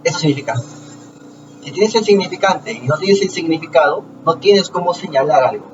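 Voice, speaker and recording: A man talking to his viewers in a casual lecture, explaining slowly with rhetorical questions and frequent restarts. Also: on the high side, expressive. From Peru. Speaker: channel host. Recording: distant lo-fi mic with noise.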